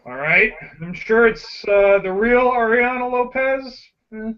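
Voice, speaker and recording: A man with a very high-pitched, unhurried voice hosts a rowdy group video chat, joking and giggling constantly. The call audio is dull and lo-fi.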